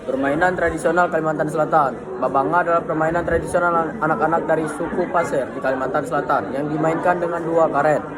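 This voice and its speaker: A man's voice: on the high side, steady tone, fast talker, hardly any pauses, a loud crowd, heavy background noise. A teenage boy reading a prepared school presentation aloud, with slips and restarts as he goes. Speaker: student presenter.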